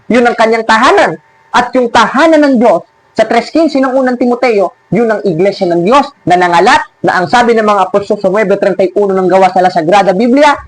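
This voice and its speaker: Give me a high-pitched man preaching and mocking a rival pastor, recorded dry and close. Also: dry recording, low-quality recording. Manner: sarcastic, scolding, laughs at his opponents.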